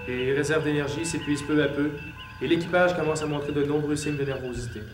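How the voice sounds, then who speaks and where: An actor playing a determined, solemn chief engineer commanding a starship in a French audio drama. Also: male voice, on the high side, fairly even intonation, quick pace, natural voice. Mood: grave. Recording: echoey, music laid underneath.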